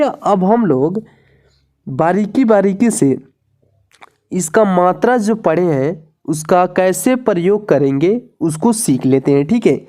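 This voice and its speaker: A woman's voice: medium pitch, warm tone. A woman teaching the Hindi alphabet in an online lesson, reading letters aloud one by one and often checking in with her viewers. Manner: slow and deliberate, keeps asking "ठीक है दोस्तों".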